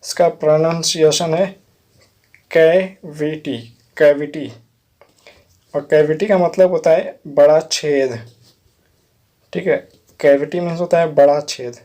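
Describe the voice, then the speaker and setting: In a vocabulary lesson, a man teaches English words, spelling each one letter by letter and patiently explaining it while often checking in with "theek hai." His voice is on the high side, mellow and unhurried, with fairly even intonation and long pauses.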